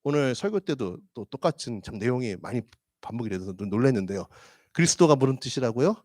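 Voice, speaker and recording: A man's voice: medium pitch, fast, no room sound, clean studio sound. A man preaching a sermon as pastor, talking conversationally, asking the congregation questions and acting out voices in his stories. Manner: lively and conversational, asks the congregation questions, acts out quoted voices. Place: church sanctuary.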